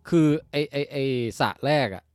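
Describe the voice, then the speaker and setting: A man hosting a podcast, chatting casually and bantering with his co-host. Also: dry recording. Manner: relaxed banter, quick interjections. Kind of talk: casual conversational chat.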